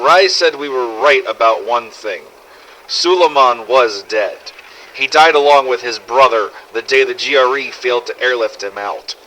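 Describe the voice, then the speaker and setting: A man voices a scripted first-person survival story in character for fan-made game audio logs, delivering it dramatically and grittily with some swearing. His medium-pitched voice sounds pushed and bright. The audio is poor, with a little hiss or hum.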